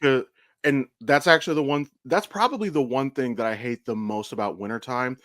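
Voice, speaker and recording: This American man, probably in his thirties, co-hosts a casual podcast, rambling informally, swearing, and constantly stopping to correct himself. His mid-range voice moves fairly quickly with a fairly bright tone. The sound is clean studio quality with no room noise.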